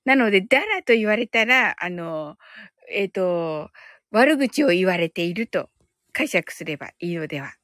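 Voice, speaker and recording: A woman's voice: on the low side, expressive, normal speed, fairly bright tone, dry recording, clean studio sound. A woman hosting a casual live audio stream, reading out listener comments and reacting with giggles and delight.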